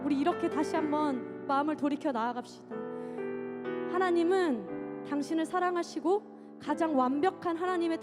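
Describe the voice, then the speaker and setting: Worship leader, woman, fervent prayer over loud worship music, very high voice. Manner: fervent, rising from soft murmured prayer to loud sung pleading. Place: church sanctuary.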